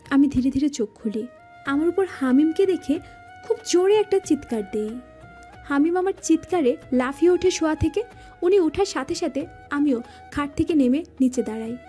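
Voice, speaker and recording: A woman narrates the story in the first person, her voice high yet soft and mellow. Faint background music runs under her narration. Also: expressive, moderate pace.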